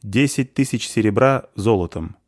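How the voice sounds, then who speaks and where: A man voicing a calm, powerful nobleman who speaks in a dry, matter-of-fact manner in an audiobook. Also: lowish voice, moderate pace, no echo, close to an everyday voice.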